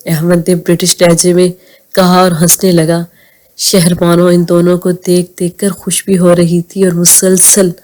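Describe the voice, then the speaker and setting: A woman narrating an audio novel in a calm, measured way. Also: on the low side, low-quality recording. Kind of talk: scripted narration.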